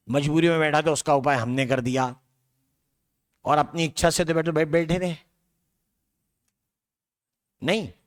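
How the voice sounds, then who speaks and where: A man giving a biology lecture to a large classroom. He talks in a loose, conversational way and keeps checking in with rhetorical questions. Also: on the high side. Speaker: biology teacher.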